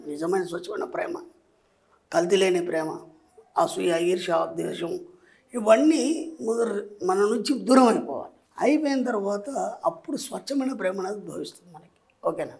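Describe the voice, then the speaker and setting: A man's voice: sits high, creaky, darkish tone. A man, a spiritual teacher and guest, giving advice in an explanatory way and often stopping to check that the listener understands. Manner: keeps checking understanding with rhetorical questions.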